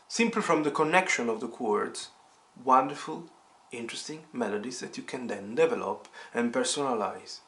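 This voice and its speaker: A man with a medium-pitched, slightly bright voice runs an informal piano tutorial, breaking things into steps and repeating them in a teacherly way. A piano plays in the background.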